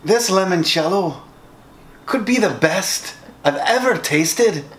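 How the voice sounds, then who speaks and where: A man's voice: high voice, animated, slow, a bit bright, pitched above the performer's own voice, heavily acted. A man voicing a mock-Scottish taste tester, speaking in a put-on Scottish accent with playfully exaggerated delivery. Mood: mock earnest. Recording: echoey room, background noise.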